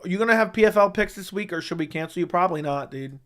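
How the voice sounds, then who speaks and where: Very fast and expressive, his high voice fairly bright, the MMA livestream host rattles through viewer chat in a casual, blunt, opinionated manner, repeating points for emphasis.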